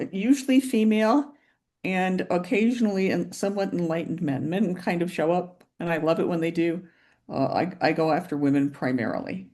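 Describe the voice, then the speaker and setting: A woman's voice: on the low side, warm tone. A woman who runs a business, talking casually about her work. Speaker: business owner. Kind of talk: casual chat.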